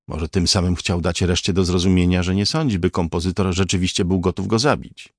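A man reading a crime thriller aloud as an audiobook narrator, in a measured, even way. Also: sits low, vocal fry, no room sound, clean studio sound.

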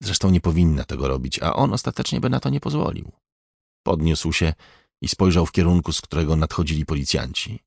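A man reading an audiobook in a measured, even scripted narration. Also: a bass voice, vocal fry, slightly rough, no room sound, studio quality.

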